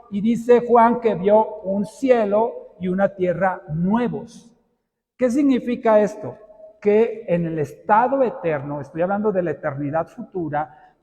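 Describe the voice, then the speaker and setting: A man preaches from the pulpit with a high voice. He explains slowly and puts questions to the congregation. His voice rings with the long reverb of a church sanctuary. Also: darkish tone. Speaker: pastor. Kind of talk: sermon.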